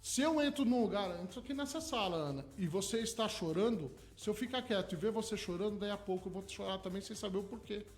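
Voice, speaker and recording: Brief: man, hypnotherapist guest on radio, high voice, eager, piles up everyday examples. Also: fast, few pauses, faint music behind. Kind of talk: radio interview. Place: radio studio.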